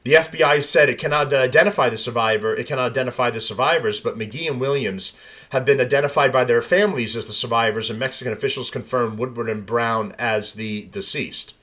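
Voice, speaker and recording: Medium in pitch and a bit bright, the podcast host talks a little fast as he works through news stories. His take is blunt and profane, with frequent restarts and rambling digressions.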